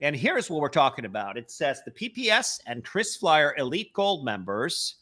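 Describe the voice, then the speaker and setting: A man's voice: on the high side, sing-song, moderate pace, sharp tone. A man from Norway with a Norwegian accent, hosting a casual travel webcast with many hesitations and fillers. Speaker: host.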